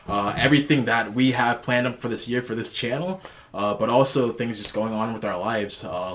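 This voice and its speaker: Enthusiastic young man hosting, lowish voice. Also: a bit bright. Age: 20s. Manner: enthusiastic, repeats phrases. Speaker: podcast host. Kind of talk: casual podcast chat among friends.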